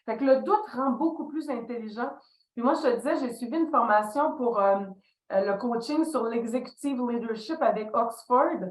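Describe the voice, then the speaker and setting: A podcast guest who works as a leadership consultant, a middle-aged Québécois French-accented woman, shares reflective career anecdotes. She acts out past conversations with animated storytelling. Her pitch is a little high, her pace moderate, and the room echoes.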